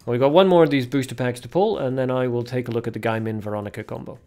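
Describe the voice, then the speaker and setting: Gravelly-voiced man streaming a card game. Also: medium pitch, very fast, warm tone. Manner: chatty, reads card names aloud, answers chat. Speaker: livestream host. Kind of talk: casual card-game livestream chat.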